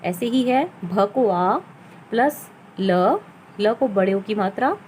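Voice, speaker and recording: A woman's voice: medium pitch, lively intonation, slow, a little mellow, a little hiss or hum, poor audio. A woman teacher giving a patient reading lesson for children, spelling words out sound by sound.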